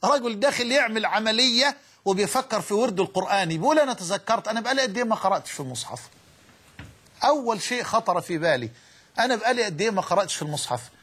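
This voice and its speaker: Husky high-voiced Egyptian preacher. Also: male voice, expressive, rapid-fire, fairly bright tone. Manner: fervent, repeats phrases for emphasis. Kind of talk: sermon.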